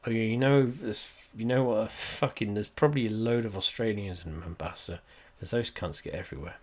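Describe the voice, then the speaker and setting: A man's voice: fairly low pitch, a little fast. A man, stuffed up and coughing, giving a meandering, profane, wry review at home. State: congested, coughing. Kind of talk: rambling casual review. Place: at home indoors.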